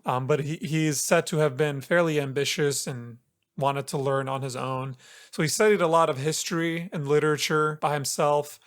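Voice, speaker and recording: A man co-hosting a podcast, telling a story in a chatty, relaxed way with playful asides. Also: on the high side. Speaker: podcast co-host presenting the episode's story. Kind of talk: casual podcast chat.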